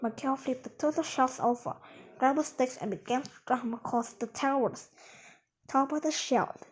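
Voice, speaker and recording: A woman reading a children's adventure book aloud in a lively way. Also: high-pitched, normal speed, low-quality recording. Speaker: storyteller.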